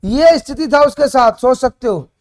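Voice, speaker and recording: Speaking at a normal pace with an extremely high pitch, a man teaches a story chapter for board exam students. He retells it in animated segments, mimics the characters' shouting and constantly quizzes his students.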